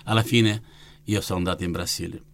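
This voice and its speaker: An older man from Italy, a missionary and orphanage founder, telling his faith testimony as a fervent, lively storyteller. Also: sits low, fairly quick, gravelly, no echo.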